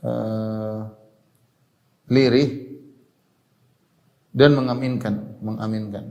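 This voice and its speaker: A man preaching an Islamic religious lecture, explaining patiently, repeating key points and tagging his phrases with a quick "ya". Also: lowish voice, fairly even intonation, creaky, a little mellow.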